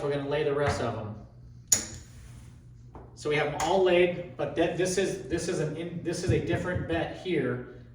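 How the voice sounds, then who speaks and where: A man giving a casual, unscripted demonstration as host, talking in a halting way as he thinks aloud. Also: on the high side. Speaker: craps tutorial host. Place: echoey indoor room. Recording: echoey room, distant mic, faint noise.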